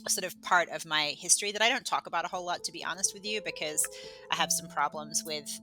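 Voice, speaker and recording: Podcast guest: woman from England raised in Australia, lowish voice, rambling and self-deprecating, guitar music behind. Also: quick pace, sharp tone, rough recording. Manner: rambling, self-deprecating, many fillers and restarts. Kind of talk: casual conversational interview.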